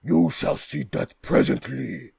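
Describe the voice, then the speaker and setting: A man voicing a big, boastful male ogre who answers briskly and proudly, booming out his lines. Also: creaky, breathy edge, no room sound, full character voice. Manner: booming, shouted.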